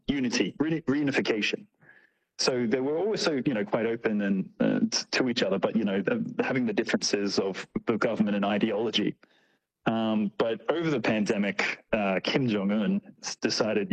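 Poor audio carries this man's fairly low, somewhat rough voice. Interviewed as a tour operator, he chats informally with plenty of slang, mixing explanations with anecdotes and performing little quotes.

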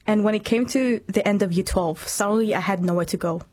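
A woman in her twenties from Myanmar, appearing as an interview guest, gives personal testimony in an earnest, reflective way. Her mid-range voice is darkish in tone, and she talks fairly quickly.

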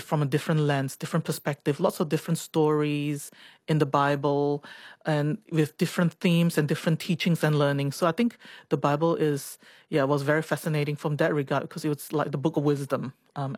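A woman's voice: deep voice, a little mellow, no echo, clean studio sound. A woman, a doctor telling her life story in an interview, chatty and reflective, often laughing and repeating words. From Singapore.

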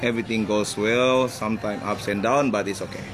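A man who grew up in Malaysia, a head chef, chatting casually and haltingly in a radio interview and laughing often. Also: on the low side, steady tone, music in the background.

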